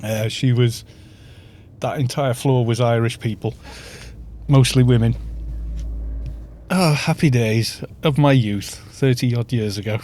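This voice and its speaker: This man from North Wales, in his fifties and with a North Welsh accent, chats and rambles as he leads a game group on a live stream, reading chat aloud and chuckling frequently. His mid-range voice is warm and measured, with long pauses, over slight background noise and faint music.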